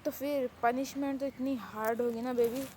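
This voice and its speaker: Possessive vampire king played by a woman, teasing, quiet threats, fairly high voice, faint background noise. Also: fairly even intonation, moderate pace, close to an everyday voice. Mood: menacing. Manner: teasing, calls her baby, low threats. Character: possessive male vampire king, smug, controlling. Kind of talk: Hindi fan-fiction audio story.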